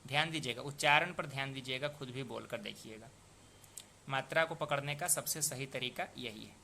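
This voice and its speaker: Bright-voiced man patiently teaching poetic meter. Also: mid-range voice, creaky, a little hiss or hum. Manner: patient, repeats and sounds out words slowly. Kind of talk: explanatory lesson.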